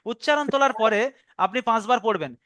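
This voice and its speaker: A man's voice: extremely high pitch, lively intonation, fast, sharp tone, smooth, no echo. A man teaching a Quran reading class over an online call, drilling pronunciation by repeating words.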